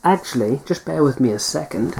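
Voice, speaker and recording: A woman's voice: extremely low pitch, animated, brisk, creaky, background noise. A woman chatting casually as a hobby vlogger, answering viewer questions in a hesitant, self-deprecating way. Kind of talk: casual Q&A chat.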